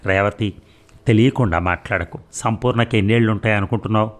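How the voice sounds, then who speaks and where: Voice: medium pitch, a little fast, lightly acted. A man reading aloud as a short-tempered husband with an angry, commanding way of speaking. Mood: pleading. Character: short-tempered husband, stern then pleading.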